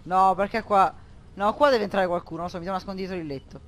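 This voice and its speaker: Panicky swearing gamer. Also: male voice, high-pitched, fast. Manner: panicky, swearing, bursts into yelling. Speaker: gameplay commentator. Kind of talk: horror game let's play commentary.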